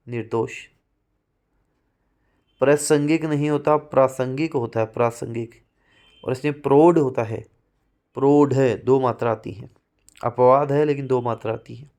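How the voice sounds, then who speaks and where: A male teacher with a Rajasthani Hindi accent giving an exam-prep class lecture, slowly saying each answer and then repeating it. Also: mid-range voice, darkish tone.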